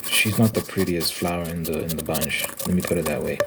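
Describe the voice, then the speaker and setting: Loud scratching and rubbing fill the recording as a man with a low voice does fast aggressive ASMR. He rambles casually over the noise, hesitant and informal. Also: fairly even intonation. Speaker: ASMR video creator. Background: mic scratching, rubbing, clicks.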